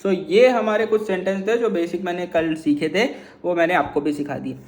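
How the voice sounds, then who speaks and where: A man from Lucknow in northern India giving a casual beginner language lesson, repeating phrases slowly and checking in often. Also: sits high, steady tone. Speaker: language learner teaching beginners.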